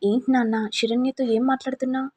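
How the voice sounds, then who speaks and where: A woman voicing a caring older mother who gently advises her son. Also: high-pitched, flat delivery, fast talker, husky. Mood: advising.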